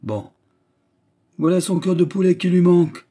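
A man voicing a coarse, scheming middle-aged male estate steward in a gruff, blustering manner. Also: medium pitch, expressive, normal speed, warm tone.

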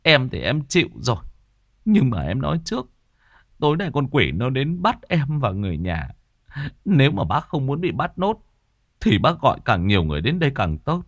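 A man's voice: medium pitch, wildly swooping pitch, moderate pace, no room sound, studio quality, pitched above the performer's own voice. A man voicing a frightened older village man who speaks humbly, pleading and stammering. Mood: weary resignation.

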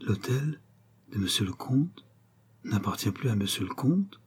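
A man's voice: mid-range voice, moderate pace, mellow, husky, pitched above the performer's own voice, close to an everyday voice. Man reading as a flustered, fawning groom. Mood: flustered, pleading. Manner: humble and flustered. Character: anxious, fawning male servant groom. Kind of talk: audiobook character reading.

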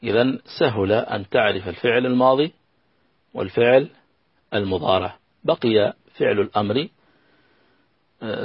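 A man teaching a lesson on Arabic grammar, slow and patient, repeating key phrases and working through examples. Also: on the low side, vocal fry, breathy edge, no room sound, highs cut off. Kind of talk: recorded classroom lesson.

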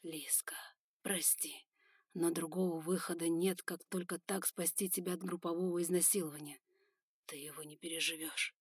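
A woman's voice: low-pitched, steady tone, unhurried, husky, no room sound, heavily acted. Brief: young male prince, read by a woman, pleading, raw, dry close audiobook sound. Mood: hushed. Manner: pleading loudly, then whispering gently. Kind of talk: audiobook character voice.

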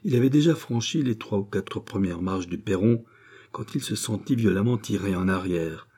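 A man narrating a classic novel as an audiobook in a measured, dramatic reading. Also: on the low side, warm tone, husky.

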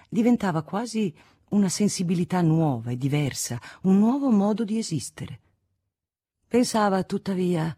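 A woman reading a classic novel aloud as an audiobook narrator, measured and expressive, on a close studio mic. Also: low-pitched, breathy edge, dry recording.

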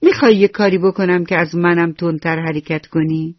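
A man's voice: a little high, fairly even intonation, no room sound, lightly acted. A man voicing a rude, teasing little frog in a children's radio story. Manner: cheeky, teasing. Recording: dull lo-fi radio recording with faint music.

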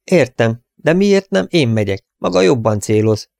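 A man's voice: mid-range voice, expressive, vocal fry, darkish tone, no room sound, clean studio sound, pitched above the performer's own voice. A man voicing a nervous, hesitant male engineer in an audiobook.

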